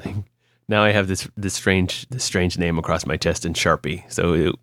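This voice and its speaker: A man's voice: sits low, steady tone, moderate pace, a bit bright, no room sound, studio quality. A young man from Ohio co-hosting a podcast, telling stories in a casual, rambling way with lots of fillers and restarts. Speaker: podcast co-host. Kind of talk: casual chat.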